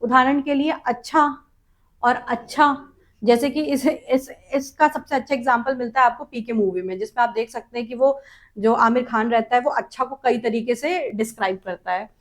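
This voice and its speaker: A woman teaching a spoken exam practice lesson, reading out questions and options and then explaining each answer. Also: fairly high pitch. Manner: drawn-out sounding-out of vowels and terms.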